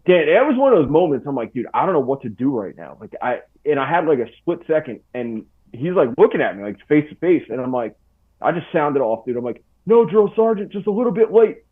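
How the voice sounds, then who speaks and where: A man's voice: mid-range voice, sing-song, brisk, husky. A man in his forties, a podcast guest, telling a story in a casual, slangy way. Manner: laid-back, slangy, full of "dude" and "bro". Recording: tinny phone-like line.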